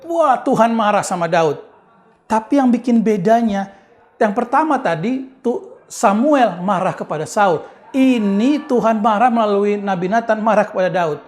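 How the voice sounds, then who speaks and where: A male pastor preaching at an online youth service, telling stories in a lively, casual way. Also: high-pitched, normal speed. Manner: lively storytelling preacher, casual slang mixed with English words.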